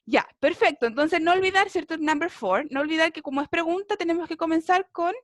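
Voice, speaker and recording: A woman's voice: extremely high pitch, a little fast, dry recording, clean studio sound. A woman teaching a beginner English class over a video call, encouraging and often checking in with her students.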